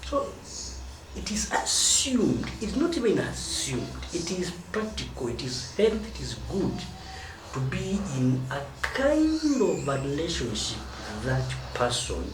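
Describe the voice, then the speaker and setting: At a measured pace, a Kenyan man gives a marriage-advice teaching talk in a medium-pitched, very animated voice. He draws out and emphasizes important words, while the recording picks up noise and a roomy echo from a distance.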